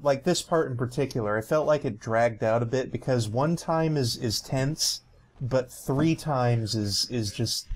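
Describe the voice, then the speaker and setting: A man's voice: medium pitch, a little slow. Rambling young man doing game commentary. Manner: rambling, with many fillers and restarts, laughs often. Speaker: let's play commentator. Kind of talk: casual gaming commentary.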